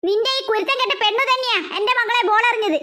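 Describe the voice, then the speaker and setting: A spiteful cartoon aunt, voiced by a woman who accuses and scolds harshly. Her voice is very high and bright. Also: steady tone, quick pace. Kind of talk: cartoon voice acting.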